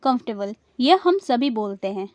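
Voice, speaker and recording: A woman's voice: fairly high pitch, lively intonation, normal speed, a little mellow, no room sound. A woman teaching English pronunciation in a scripted lesson, repeating each word twice and quizzing her viewers.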